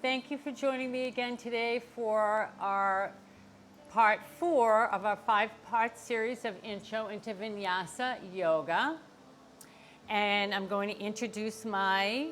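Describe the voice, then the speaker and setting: A woman's voice: fairly high pitch, a bit bright, slight background noise. An older woman, teaching a yoga class as instructor and explaining things encouragingly, straight to her viewers. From Boston area, United States. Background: music.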